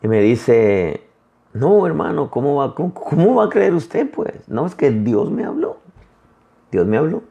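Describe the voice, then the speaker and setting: A male pastor preaching a sermon in a conversational way, often calling his listeners brother and retelling conversations in lively quoted voices. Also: medium pitch, measured pace, vocal fry, muffled recording.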